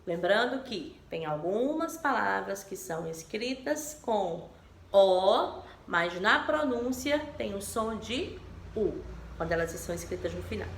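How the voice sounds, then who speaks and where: A woman teacher from Brazil explaining a textbook lesson to children slowly and patiently, often asking them questions. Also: mid-range voice, animated, reverberant, slight background noise. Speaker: primary school teacher. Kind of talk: remote class lesson explanation.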